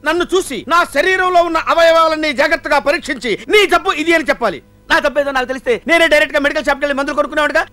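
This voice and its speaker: An actor playing a self-important patient who argues back and lectures the doctor in a film comedy scene. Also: male voice, very high-pitched, rapid-fire, few pauses, sharp tone, no echo. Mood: lecturing. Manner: combative, lecturing. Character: cocky argumentative male patient, self-important.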